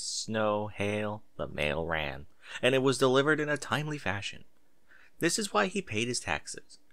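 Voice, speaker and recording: Narrating a fan fiction story in audiobook style, a man gives an expressive, theatrical, emphatic scripted reading. His fairly low voice is bright and forceful, and there's no room sound at all.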